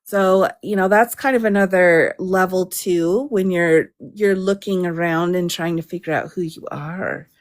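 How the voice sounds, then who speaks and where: A woman's voice: fairly low pitch, unhurried, hardly any pauses. A woman in a casual livestream chat, wry and readily amused as she talks.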